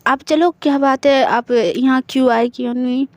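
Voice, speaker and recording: A woman reading the part of a chatty young woman in love in an audio story, in a high, dry voice. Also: fairly even intonation, moderate pace, a little mellow, no echo. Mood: brushing off.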